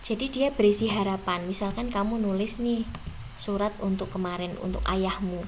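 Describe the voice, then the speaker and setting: A woman's voice: medium pitch, steady tone, slight background noise. A young woman teaching an exam review lesson, speaking straight to her students and drawing out the words she stresses. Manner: slow, drawn-out stressed words, addressing students directly.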